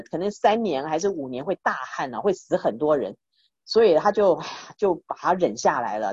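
A woman's voice: low voice, a little mellow, slightly rough, dry recording. A woman teaching a Buddhist text through chatty storytelling full of fillers, in a dull, dry recording. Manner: chatty, many fillers and restarts, addresses listeners. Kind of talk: casual storytelling lesson.

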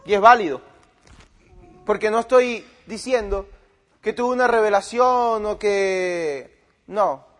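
Guy preaching, pretty high voice, acts out both sides of an argument he had. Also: slow pace, long pauses. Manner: retells a debate with quoted dialogue, swinging from loud to quiet. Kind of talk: sermon-style storytelling.

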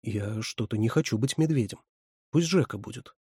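A man voicing a timid teenage boy who speaks hesitantly and reluctantly, with a husky voice. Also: medium pitch, animated, normal speed, warm tone, no echo, studio quality.

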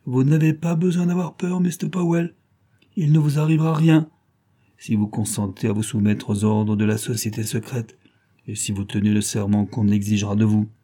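A man's voice: lowish voice, fairly even intonation, normal speed, warm tone, lightly acted. A man voicing a scheming clubman villain who talks in an urgent, pushy way. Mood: threatening.

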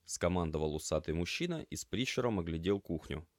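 A man narrating an audiobook with expressive storytelling. His voice is very low yet lively in its pitch movement. The recording is close and dry. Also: brisk, no echo. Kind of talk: scripted narration.

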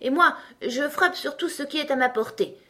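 A woman voicing Bonnet Blanc, a boastful, quarrelsome twin brother in a storybook, with a loud blustering manner. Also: fairly high pitch, expressive, a little fast, pitched above the performer's own voice, lightly acted.

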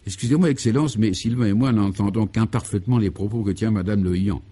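A man's voice: lowish voice, fast talker, mellow, slightly rough. A man doing a bashful young journalist. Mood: flustered. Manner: timid, hesitant. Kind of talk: comic radio serial acting.

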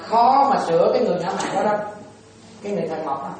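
A man's voice: high voice, lively intonation, fast talker, darkish tone. Male monk, dharma talk, quizzes listeners, acts out little dialogues, very echoey room, distant mic. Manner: asks the audience questions, plays out little dialogues. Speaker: Buddhist monk teacher. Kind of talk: dharma talk to lay followers.

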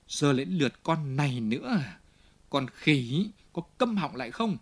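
A man voicing a harsh, brutal police inspector who barks contemptuous orders in an audiobook, his voice slightly husky. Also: medium pitch. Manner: barking, contemptuous, shouting orders.

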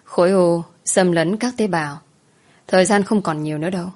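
A woman voicing a tired male doctor in his thirties delivering grave news slowly. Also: fairly low pitch, darkish tone, lightly acted. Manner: slow, grave, matter-of-fact.

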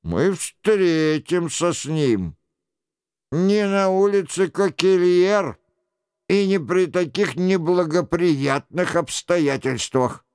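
An aggrieved young nobleman tells his humiliation in a slow, seething voice, as a male reader puts him on, each word clearly shaped. The sound is close and dry. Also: sits high, expressive, darkish tone, no room sound, heavily acted. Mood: angry. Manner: indignant, aggrieved.

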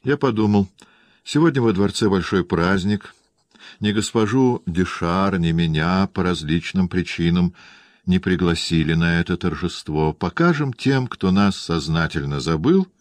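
A man's voice: low-pitched, no echo, close to an everyday voice. A man voicing a bitter, jealous nobleman with a coldly polite, ironic manner. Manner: icily polite, turning to bitter outbursts.

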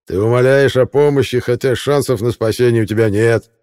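Man reading a menacing, gloating storybook hitman, raised voice, dark mellow tone. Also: mid-range voice, fairly even intonation, brisk, smooth, pitched above the performer's own voice, natural voice. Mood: mocking. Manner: gloating, then panicked pleading. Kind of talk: audiobook character reading.

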